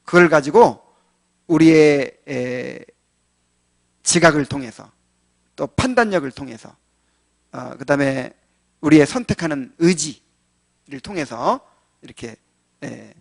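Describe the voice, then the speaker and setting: A male pastor in a slightly higher register gives a catechism sermon in a conversational manner. He keeps asking rhetorical questions, fills pauses with small sounds, and swings from loud emphasis to quiet asides. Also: animated, vocal fry. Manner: many fillers and restarts, swings from loud to quiet.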